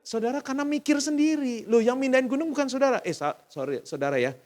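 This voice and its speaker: A man with a casual Jakarta-slang Indonesian accent preaching a sermon, telling stories and acting out the voices of people in them, his pitch swinging up and down. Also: fast. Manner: storytelling, acts out voices in quotes, animated swings up and down in pitch. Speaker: pastor. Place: church hall. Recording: long hall reverb.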